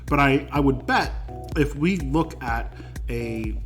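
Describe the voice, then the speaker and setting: A man casually explaining things in a halting way, often checking in with short tag questions. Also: mid-range voice, lively intonation, soft background music. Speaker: teacher answering student questions.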